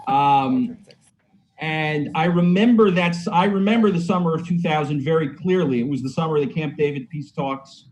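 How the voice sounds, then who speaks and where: Over a video call from an indoor room, a playwright talks casually about his own writing, hesitant and often repeating phrases. His voice is on the high side and a little mellow at a moderate pace, picked up by a computer mic with poor audio and slight background noise.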